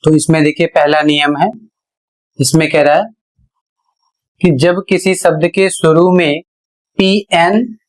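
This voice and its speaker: Slow, deliberate male teacher. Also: fairly high pitch. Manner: spells words out letter by letter, deliberate. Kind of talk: pronunciation lesson.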